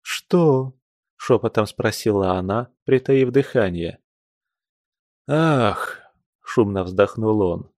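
A man narrating a classic novel as an audiobook in a calm, measured delivery. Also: fairly low pitch, no room sound, clean studio sound.

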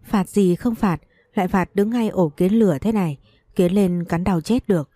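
A woman's voice: mid-range voice, moderate pace, warm tone, dry recording. A woman narrating a first-person story, voicing the dialogue as she goes.

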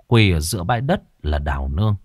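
Male ghost-story narrator, lowish voice with a lively melody, dry close sound. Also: fast talker, no room sound. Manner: dramatic, expressive.

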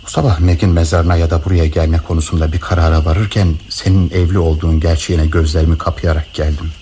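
An actor playing a widowed man in a broadcast radio drama, speaking slowly and tenderly as he confesses a long-held love. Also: sits low, little pitch movement, mellow, slight background noise, natural voice. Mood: tender, confessional.

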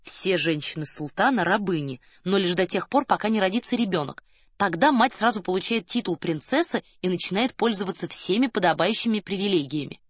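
A woman reading a detective audiobook aloud in an even, storytelling manner. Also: medium pitch, brisk, breathy edge, no room sound, clean studio sound. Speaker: audiobook narrator. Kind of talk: scripted narration.

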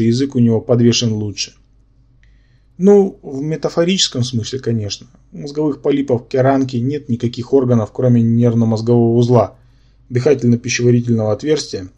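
A man reading a fantasy audiobook in first person, with a wry, measured delivery. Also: mid-range voice, a little mellow, breathy edge. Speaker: audiobook narrator.

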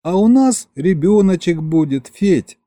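Brief: male reader doing a playful young storybook wife, higher and lively, folksy coaxing talk. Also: measured pace, no room sound, clean studio sound. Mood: teasing. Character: young affectionate teasing peasant wife.

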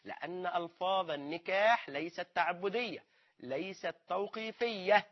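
Husky high-voiced Egyptian man teaching. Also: moderate pace, dull audio. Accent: Egyptian Arabic. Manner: asks rhetorical questions and answers them himself. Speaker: Islamic scholar teaching. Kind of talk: religious lesson.

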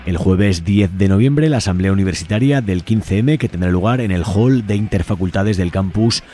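Speaking at a normal pace in a low voice, a radio show host reads out community event announcements informally and conversationally, with music playing behind him.

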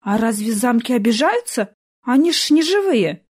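A woman's voice: on the high side, big pitch swings, normal speed, darkish tone, husky. A woman voicing a frightened, naive young peasant serf girl with a plaintive, breathless manner, in an audiobook. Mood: timid.

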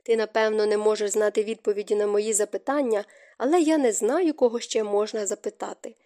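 A woman's voice: mid-range voice, fairly even intonation, fairly quick, mellow, close to an everyday voice. A woman reading as an anxious young woman. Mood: earnest. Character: anxious young woman haunted by old fear.

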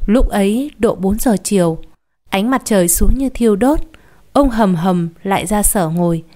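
A woman storyteller reading a short story aloud in a calm, even narration. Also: medium pitch, normal speed.

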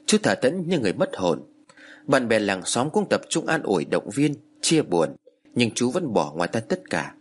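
A man narrating a ghost story in a dramatic, expressive manner. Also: on the low side, normal speed, a little hiss or hum.

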